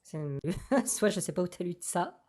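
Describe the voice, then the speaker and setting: A man's voice: expressive, normal speed, a little mellow. A man speaking through a voice changer, patiently explaining a political programme point by point in a casual debate. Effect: voice changer, altered pitch. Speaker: political activist guest.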